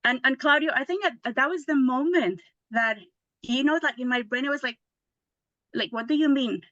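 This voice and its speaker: A woman's voice: sits high, moderate pace, sharp tone, no room sound, lo-fi sound. A woman, a lawyer telling her story in a casual interview, chatty with many restarts and tag questions. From Mexico. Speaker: guest lawyer.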